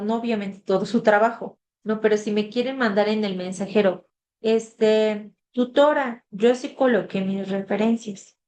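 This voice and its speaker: A woman's voice: mid-range voice, darkish tone. Woman, tutor, casual online class, video call mic, filler-heavy conversational delivery. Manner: conversational, reads the chat aloud, filler "este".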